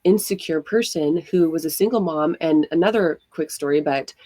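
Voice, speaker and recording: A podcast guest from Hawaii recounts her own story in a candid, casual way, using many fillers. Her low-pitched voice is warm and moves at a normal speed, and the recording is dry.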